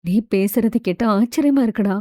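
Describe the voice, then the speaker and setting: A woman narrator voices an older sister, quiet and reflective, speaking softly to her brother. The tone is mellow and warm, close and dry. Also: mid-range voice, moderate pace, no echo, close to an everyday voice. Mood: tender. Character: older sister, wounded but tender woman.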